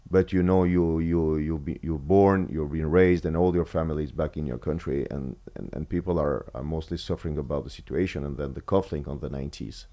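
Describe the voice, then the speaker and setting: A man with an Albanian accent, a former footballer from Kosovo, talking as a guest in a casual interview, halting with many fillers and restarts. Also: extremely low pitch, warm tone.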